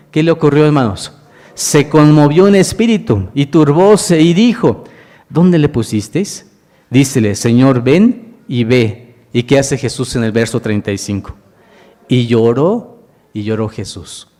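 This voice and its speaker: A man's voice: mid-range voice, mellow. A man, preaching a sermon as a minister and asking the congregation questions as he goes. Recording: long hall reverb.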